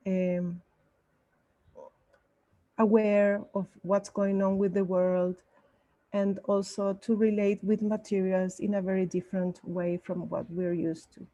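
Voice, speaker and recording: Woman, from Chile, artist guest, halting, slow, mellow. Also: medium pitch, level tone, poor audio. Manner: halting, many restarts. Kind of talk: online panel talk.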